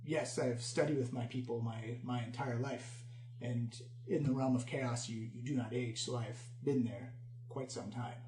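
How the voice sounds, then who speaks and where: A man's voice: mid-range voice, steady tone, moderate pace, darkish tone, a little hiss or hum, close to an everyday voice. A man voicing a proud, ageless male Gith warrior monk who speaks formally and with self-assurance. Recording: roomy echo.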